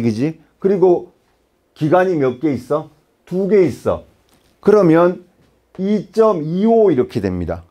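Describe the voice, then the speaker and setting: A man's voice: fairly high pitch, dark tone. A man teaching a math lesson in a casual, chatty way, often checking with the class. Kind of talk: lecture.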